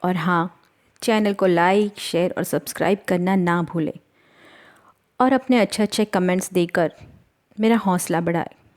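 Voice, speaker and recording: A woman's voice: lowish voice, unhurried, long pauses, darkish tone. A woman storyteller narrating a dramatic novel in an earnest voice.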